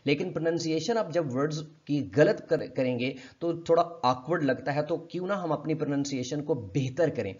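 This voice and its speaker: A Pakistani man with a Pakistani accent teaches English pronunciation online, speaking politely and formally. He explains patiently and repeats each word slowly several times. His fairly high voice is a little mellow and slightly rough, and the recording is muffled.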